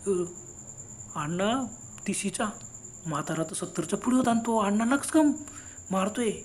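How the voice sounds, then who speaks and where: A man telling a first-person ghost story in a hushed, dramatic way, often dropping to a near whisper. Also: high voice, lively intonation, moderate pace. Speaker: horror storyteller and channel host.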